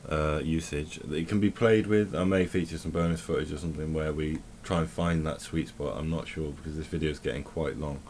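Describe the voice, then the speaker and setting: A man talks through his gameplay in a deep, low voice, thinking aloud and correcting himself as he goes. A faint hiss sits under the recording. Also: steady tone, a little fast, hardly any pauses, darkish tone. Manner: rambling, self-correcting, thinking aloud while playing. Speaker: tech vlogger. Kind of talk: casual gameplay commentary.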